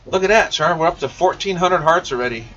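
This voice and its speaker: This man, an enthusiastic, informal radio shop technician, chats and fields questions on a live stream. He speaks a little fast in a fairly high, expressive voice, with crowd noise around. The mic is muffled and distant, picking up faint noise.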